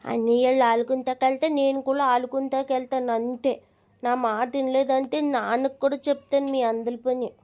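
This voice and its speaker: A woman's voice: high voice, level tone, a little fast, darkish tone. A woman voicing a bratty cartoon little girl, a bossy younger sister who tattles and turns on fake tears. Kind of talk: cartoon voice dubbing.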